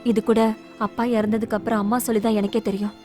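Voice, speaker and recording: A woman's voice: mid-range voice, little pitch movement, fast talker, warm tone, soft background music, natural voice. An actress playing an earnest, troubled young woman confiding in a friend, in dubbed film dialogue.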